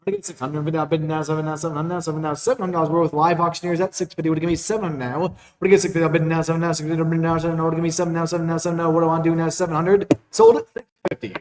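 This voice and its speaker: A male auctioneer with a fairly high voice chants numbers and bid calls in a repetitive rhythm. He sounds somewhat away from the mic, and the room rings clearly around him. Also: animated, rapid-fire, hardly any pauses, a little mellow. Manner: repetitive rhythmic bid calling between plainly announced lots. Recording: roomy echo, distant from the mic.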